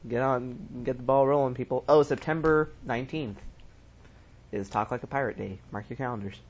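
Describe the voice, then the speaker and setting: A man's voice: medium pitch, normal speed. A man co-hosting a podcast, chatting casually and hesitantly with lots of fillers. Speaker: podcast co-host. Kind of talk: casual chat. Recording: dull lo-fi audio with faint background noise.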